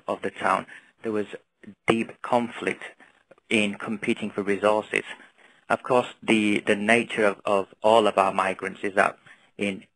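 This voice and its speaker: A man with a Northern English accent speaks in a low, level voice, talking as a guest on a webinar. He is earnest and searches for words, often restarting and repeating himself. His talk comes through remote call audio. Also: a bit bright, rough recording. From northwest England. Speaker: guest speaker from a youth NGO. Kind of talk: webinar presentation.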